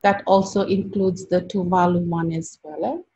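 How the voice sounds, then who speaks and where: A woman's voice: lowish voice, steady tone, normal speed, mellow, slightly rough. A woman founder answering judges' questions, hesitant with many fillers. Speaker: startup founder pitching. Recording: dull lo-fi sound.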